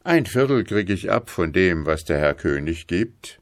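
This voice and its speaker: A man's voice: sits low, expressive, a little slow, no room sound, studio quality. A man doing a bossy palace sergeant.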